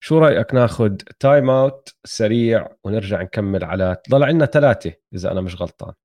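A man's voice: lowish voice, fast talker, darkish tone. A man with a Palestinian-Jordanian Levantine Arabic accent talking casually as co-host of a sports show.

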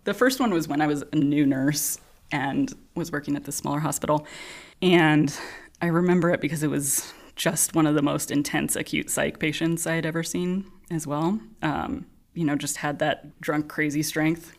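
A woman in her thirties with a fairly low voice tells a story in a relaxed chat. She laughs often and acts out the people she talks about. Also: moderate pace, vocal fry. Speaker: podcast guest, nurse.

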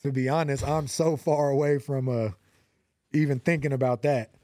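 Brief: mid-twenties male rapper from LA, warm mellow tone, dry close mic, slangy and earnest. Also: medium pitch, fairly even intonation, moderate pace, dry recording. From Los Angeles. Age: 20s. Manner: slangy, repeats fillers, earnest. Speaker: rapper guest. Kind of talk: casual interview.

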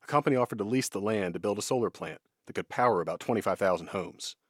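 American guy reporter, husky, talks quick, reading a news story for radio. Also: lowish voice, dry recording, clean studio sound. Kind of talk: scripted news narration.

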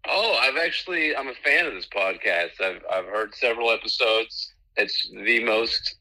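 Man on a phone speaker, bright. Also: medium pitch, lively intonation, normal speed, rough recording. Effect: heard over a phone on speaker. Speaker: caller. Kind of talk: casual phone chat.

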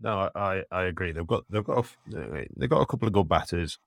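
A man with an extremely deep voice, captured dry. He gives casual sports analysis as a podcast co-host, understated and a little hesitant, keeping his voice quiet. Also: animated, fast, creaky, no echo. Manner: speaks quietly at home late at night.

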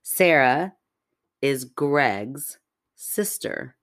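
A woman's voice: a bass voice, animated, very slow, no room sound, clean studio sound. A woman in her forties co-hosting a podcast, chatting casually, laughing often and reading listener messages aloud. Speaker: podcast co-host.

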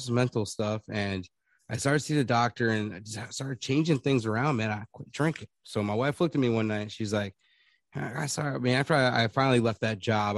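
A man's voice: lowish voice, dry recording, clean studio sound. A man on a podcast telling long rambling stories in casual chat, laughing often. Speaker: podcast guest.

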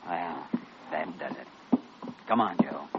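An actor playing a calm, authoritative American doctor with terse, measured delivery in an old-time radio drama. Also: male voice, a bass voice, exaggerated voice. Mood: firm, resigned. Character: calm, authoritative hospital doctor, probing but fair. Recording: dull, noisy old radio recording.

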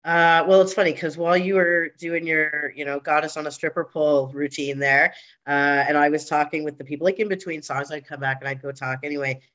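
A woman's voice: sits low, fairly even intonation, brisk, fairly bright tone. A woman co-hosting a podcast, chatting casually in an easygoing way. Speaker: podcast co-host. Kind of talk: casual chat.

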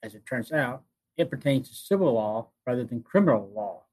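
Slightly husky man, halting narration. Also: medium pitch, animated, darkish tone. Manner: halting, often repeats phrases. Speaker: host. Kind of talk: semi-scripted narration of TV show retrospective.

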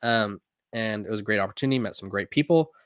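A man's voice: on the low side, fast talker, no room sound, studio quality. A young man in his twenties hosting a sports podcast, talking casually with lots of fillers and restarts. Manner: rambling, filler-heavy, many "um"s and restarts. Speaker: podcast host.

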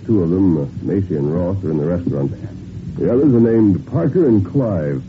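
An actor playing a tough, resolute masked western hero with an authoritative, emphatic delivery in an old-time radio drama. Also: male voice, low voice, animated, normal speed. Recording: narrow, noisy vintage radio recording.

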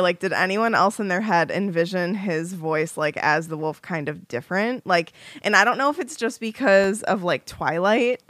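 A woman's voice: medium pitch, fairly bright tone, no echo, clean studio sound. A woman co-hosting a casual book-club podcast, recapping the chapter with hesitant fillers. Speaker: podcast co-host.

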